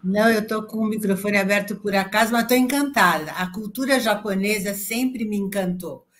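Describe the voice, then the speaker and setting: A woman's voice: medium pitch, moderate pace. A woman joining a live online talk as an audience participant, speaking enthusiastically over a video call microphone. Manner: enthusiastic and admiring.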